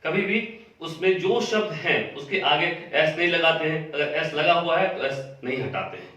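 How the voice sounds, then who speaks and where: A man's voice: fairly high pitch, normal speed, bright, forceful tone. A man giving a patient lesson on English grammar, explaining with everyday examples and repeating the key words. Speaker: English teacher. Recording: very echoey room, voice from a distance.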